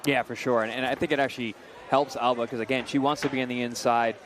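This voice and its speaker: A man's voice: mid-range voice, fairly even intonation, quick pace, a bit bright, slight background noise. A man giving conversational, technical fight analysis as a live commentator. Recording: music behind the commentary.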